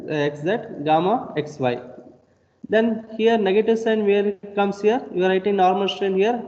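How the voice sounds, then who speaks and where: Male lecturer, high voice, repetitive explanations, muffled call audio in a reverberant room. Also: darkish tone. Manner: repetitive explanatory teaching, asks rhetorical questions. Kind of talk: online engineering lecture. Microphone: video call.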